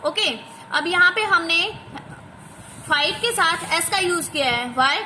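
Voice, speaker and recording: An Indian woman teacher going through a textbook exercise, reading English lines slowly, then explaining quickly and coaxingly to a child. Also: very high-pitched, expressive, pushed and bright, a little hiss or hum. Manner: mixes Hindi and English, slow when reading English aloud, quick when explaining; addresses the listener as a child, coaxing.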